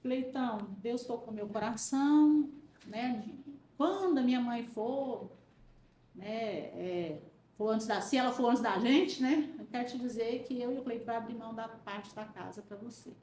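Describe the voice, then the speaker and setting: A woman from central Brazil telling a personal faith story in a casual chat, lively and acting out the voices of the people in it. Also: fairly high pitch, moderate pace. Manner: animated storyteller, acts out quoted voices. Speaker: guest. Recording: roomy sound, faint background hiss.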